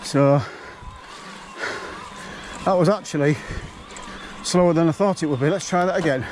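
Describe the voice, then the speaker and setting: A man's voice: a little high, normal speed, a little mellow, slight background noise. A man, a bit out of breath, chatting bluntly to camera while riding an e-bike up a forest trail. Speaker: mountain biking vlogger.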